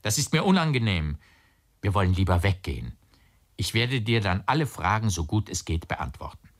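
Guy narrating as a tired calm young man, low and quiet, holding back. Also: normal speed.

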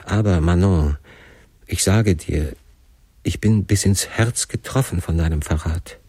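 A man with a very low, deep voice narrates a classic novel. His reading is passionate and theatrical, and he leans into the drama of each line. The sound is close and dry, with no room echo. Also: unhurried, mellow, husky. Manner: impassioned, theatrical first-person delivery. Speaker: audiobook narrator.

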